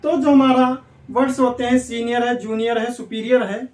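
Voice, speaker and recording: A steady-toned man with a very high, slightly mellow voice teaches English grammar for competitive exams at a moderate pace. He's away from the mic in an echoey room, and his style is repetitive, with questions to students that he answers himself.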